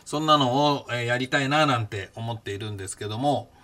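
Speaking briskly in a mid-range voice with a bright, forceful tone, an older Japanese podcast host reflects on his past. His monologue rambles, with frequent fillers and restarts.

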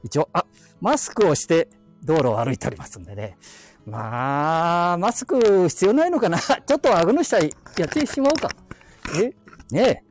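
A man with an Aichi dialect, streaming live while walking quiet residential streets, chatting to himself with chuckling asides on a hand-held phone. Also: high-pitched, expressive, normal speed, soft background music. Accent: Aichi (Nagoya-area dialect). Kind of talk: casual rambling walk-and-talk.

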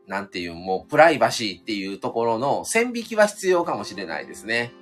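A man with a Kansai accent, co-hosting a casual live chat in a relaxed, chuckling way. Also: lowish voice, fast, soft background music. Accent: Kansai Japanese. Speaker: co-host of a couple's podcast.

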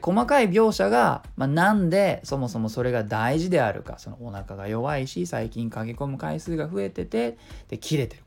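A man's voice: a little high, gravelly, darkish tone. A middle-aged man hosting a casual solo talk show, chatty and self-explaining, giving speaking tips and dropping in little sound imitations. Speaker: podcast host.

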